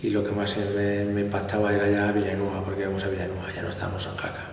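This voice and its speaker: A middle-aged army colonel from Spain answers interview questions in a low voice, halting and restarting as he reminisces. He sounds distant from the mic in a big hall with long echo. A faint hum of noise sits underneath. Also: completely flat delivery. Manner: hesitant, restarts often, reminiscing.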